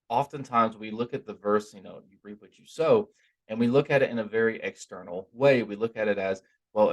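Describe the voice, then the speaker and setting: A man giving an informal, earnest spiritual talk in a conversational, stop-and-start way, his r sounds softened toward w. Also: lowish voice, poor audio. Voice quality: trouble pronouncing r, softened toward w. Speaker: religious teacher giving a talk.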